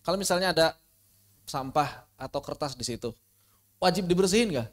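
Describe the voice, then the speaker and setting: Animated high-voiced male religious teacher. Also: brisk. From Indonesia. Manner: conversational, rhetorical questions, swings from soft asides to animated emphasis. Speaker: Islamic studies teacher. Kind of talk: informal religious lesson. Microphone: online class recording.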